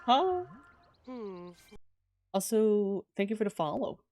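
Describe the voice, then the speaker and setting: A woman's voice: mid-range voice, very animated, slow pace, a little mellow, slight background noise. A woman live-streaming a life-simulation game, chatting casually to viewers and to the characters on screen. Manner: chatty, talks to game characters, giggly asides. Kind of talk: casual live gameplay commentary.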